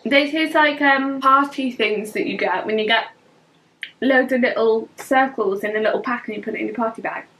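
A woman's voice: a little high, normal speed, bright, forceful tone, a little hiss or hum, poor audio. A young British woman chatting wryly about flavours while chewing food as she talks. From Britain. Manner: chatty, wry, describing flavours. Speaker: vlogger tasting snacks. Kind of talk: casual chat.

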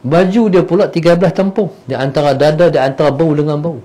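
A man giving a religious lecture as a storyteller, moving between loud bursts and soft asides. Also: a little high, fast. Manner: animated, acts out the characters' voices. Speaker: religious teacher.

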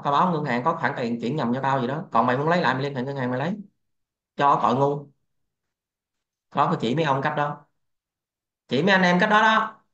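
A man's voice: on the high side, bright, forceful tone. Brief: male crypto host, crude and lecturing, roomy echo, dull lo-fi audio. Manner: blunt, profane, lecturing. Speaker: crypto trading channel host. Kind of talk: casual livestream rant. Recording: echoey, dull lo-fi sound.

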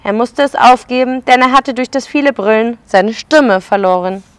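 A woman preschool educator reading a picture book aloud to children and pausing to explain the pictures. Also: on the high side, no echo.

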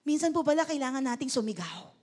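A woman pastor from the Philippines preaches at a church service. Her voice sits very high, and her talk is lively and polite. She keeps calling out questions to the congregation and switches freely between Tagalog and English. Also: fast. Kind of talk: sermon.

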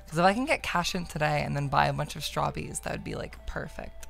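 A woman's voice: low voice, a little fast, faint music behind. A woman giving casual, playful and irreverent commentary as she plays a game. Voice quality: creaky. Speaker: game streamer. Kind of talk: casual gameplay commentary, reading dialogue aloud.

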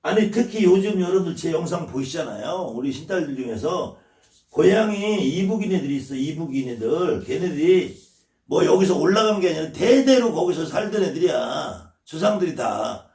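A man's voice: on the high side, animated, moderate pace, a little mellow, echoey room, recorded from a distance. A man from the Chungcheong region, a shaman teaching his viewers, blunt and scolding and swearing freely as he lectures. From Chungcheong, South Korea.

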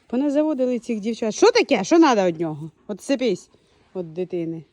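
A woman from Ukraine talks to the camera in a bright, slightly high voice, calling her dogs by name and laughing at their antics. The sound is dry and close, with dogs in the background. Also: animated, brisk, no echo. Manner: chatty, shouting dog names, laughing. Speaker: dog breeder. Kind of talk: casual vlog commentary. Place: outdoors in a village yard with dogs.

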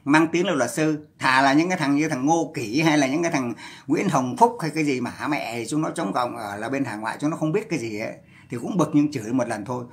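Angry, gravelly man ranting. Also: medium pitch, fast talker. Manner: heated, scolding, profane. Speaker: livestreamer. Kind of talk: angry livestream rant.

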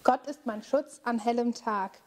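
Woman reading a story to children. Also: on the high side. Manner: slow, clear, expressive reading. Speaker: children's service leader.

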